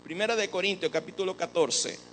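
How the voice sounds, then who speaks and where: A man preaching a sermon as an apostle, animated and joking with the congregation. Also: high voice, a little fast, a little hiss or hum, low-quality recording. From Venezuela. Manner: animated, joking with the congregation, mimics others' voices.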